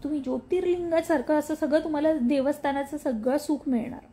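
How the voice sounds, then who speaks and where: High-voiced sharp-tongued woman teasing followers. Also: fairly even intonation, a little fast. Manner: bursts of laughter and mock scolding. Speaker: content creator answering followers. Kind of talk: casual chat reading and replying to comments.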